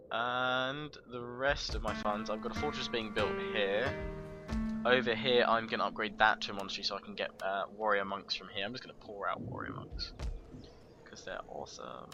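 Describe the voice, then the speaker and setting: A low-voiced man talks his way through a strategy campaign in a loose, rambling way. He jokes at his own expense and trips over unfamiliar names, while the game's music plays clearly under him. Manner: rambling, self-mocking, stumbles over foreign names. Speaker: gamer narrating a strategy campaign. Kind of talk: casual let's play commentary. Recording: game music behind the voice.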